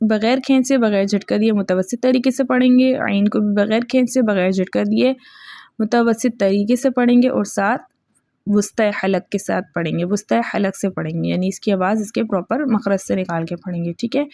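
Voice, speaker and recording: A woman teaching the rules of Quran recitation in Urdu with a Pakistani accent, patiently repeating each point, checking understanding, and chanting verses slowly. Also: medium pitch, creaky, dark tone, no echo, studio quality. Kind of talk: tajweed lesson.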